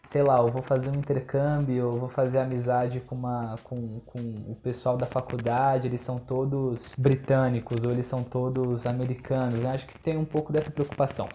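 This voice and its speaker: A man co-hosting a podcast as an English teacher, speaking in a relaxed, encouraging way. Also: medium pitch, brisk, few pauses, a little hiss or hum. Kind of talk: casual podcast chat.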